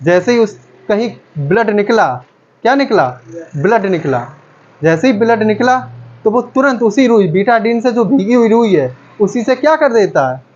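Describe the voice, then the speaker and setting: Brief: male chemistry teacher, high voice, call-and-response drilling, dull lo-fi sound. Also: expressive, normal speed, darkish tone. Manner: repeats each term back as a quiz question. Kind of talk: classroom lecture with call-and-response questions.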